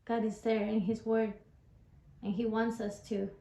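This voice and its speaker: Woman, higher pitch, earnest devout testimony, halting phrasing, echoey room. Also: level tone, mellow. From Ecuador. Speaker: church member giving testimony. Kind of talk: personal faith testimony.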